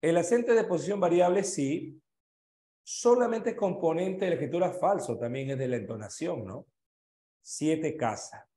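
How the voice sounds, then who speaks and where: A man's voice: fairly high pitch, expressive, moderate pace, dark tone. A man with a Peruvian Spanish accent teaching an online exam review class. He goes through the answers item by item and quizzes his students as he goes. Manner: checks answers item by item, asks students questions. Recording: echoey room.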